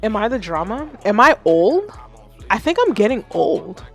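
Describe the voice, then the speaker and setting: Woman in her 30s doing a music feedback livestream, joking about getting old, chatty and animated, faint music behind her. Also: mid-range voice, normal speed. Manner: animated, self-mocking, talks to chat. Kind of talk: casual livestream commentary.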